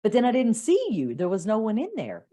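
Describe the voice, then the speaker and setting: A woman co-hosting a podcast, telling a story in lively casual chat and acting out the lines she quotes. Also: on the high side, a little fast. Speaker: podcast co-host.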